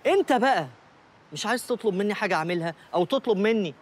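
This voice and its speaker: An exasperated guy, egyptian accent, quick, a bit high, faint music. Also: lively intonation. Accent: Egyptian Arabic. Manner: exasperated, sarcastic.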